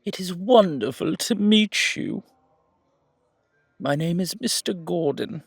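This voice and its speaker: Playing a gushing, flirtatious museum curator in an audio drama roleplay, a man uses a high, husky, creaky voice with an exaggerated, genteel delivery and no room sound. He flatters effusively, hesitating and repeating words, in a gracious, welcoming mood.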